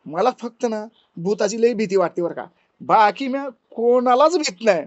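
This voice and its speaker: A man's voice: high voice, expressive, moderate pace, no echo, highs cut off. Man doing a brash village schoolboy. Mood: brash boasting.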